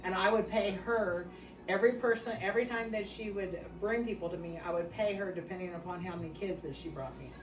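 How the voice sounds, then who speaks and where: A woman's voice: mid-range voice, a little fast, echoey room, distant mic, rough recording. A woman guest telling her own story in a casual chat, speaking frankly and laughing often.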